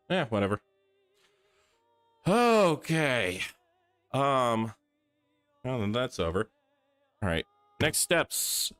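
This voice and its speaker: A man's voice: mid-range voice, fairly bright tone, no room sound. A tired man with his voice a bit off, chatting casually with viewers while he draws on a live stream. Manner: chatty, thinks aloud while drawing. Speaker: art streamer.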